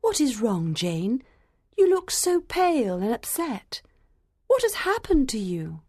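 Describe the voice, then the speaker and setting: A woman voicing a caring, excitable young sister in an audiobook reading. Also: fairly high pitch, a little slow, pitched above the performer's own voice, full character voice. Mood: concerned.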